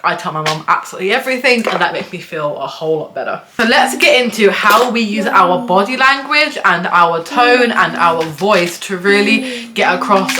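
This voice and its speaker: A woman giving casual self-help advice in an earnest, reassuring, chatty way, with lots of "like" fillers. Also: fairly low pitch. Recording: noticeable background noise and clicks.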